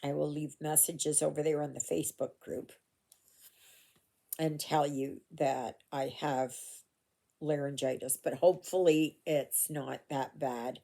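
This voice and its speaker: This cross-stitch vlogger, an older woman from Canada, talks casually while she stitches at home, recorded on a phone camera. Her low voice is creaky and dark in tone, and she wanders into asides and fillers.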